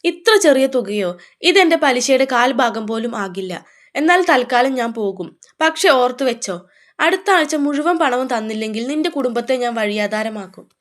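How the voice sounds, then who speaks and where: A woman's voice: high voice, lively intonation, moderate pace. A woman reading as a threatening moneylender. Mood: mocking. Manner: shouting, scornful. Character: menacing male moneylender, loud and insulting.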